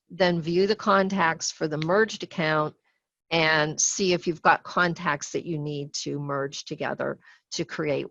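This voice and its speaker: Patient woman walking through software steps. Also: fairly low pitch, dry recording, highs cut off. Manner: patient, step-by-step with frequent fillers. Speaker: software trainer. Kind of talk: screen-share webinar tutorial.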